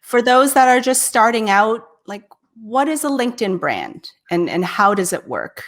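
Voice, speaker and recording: A woman hosting a casual interview, upbeat and quick to laugh and affirm her guest. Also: fairly high pitch, big pitch swings. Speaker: host. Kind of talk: casual video-call interview.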